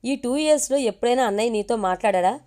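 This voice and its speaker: A woman's voice: fairly high pitch, lively intonation, fast, warm tone, natural voice. A woman voicing a playful, teasing young wife in an audio story. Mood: chiding.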